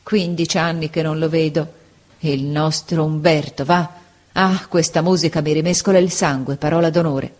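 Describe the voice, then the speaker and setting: A woman's voice: low-pitched, fairly even intonation, normal speed, a little mellow. A woman voicing a fervent old veteran soldier. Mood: fond. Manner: fervent, stirred storytelling. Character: proud emotional middle-aged male army veteran. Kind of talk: audiobook reading.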